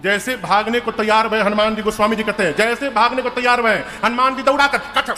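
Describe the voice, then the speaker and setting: A man telling a devotional story as a sermon, lively and humorous, chanting verses now and then. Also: high voice, brisk. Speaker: storyteller preacher. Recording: reverberant hall with faint music.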